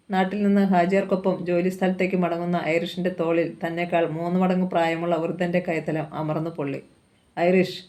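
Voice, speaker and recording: A woman reading a novel aloud in a calm, even voice. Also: lowish voice. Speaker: novel reader.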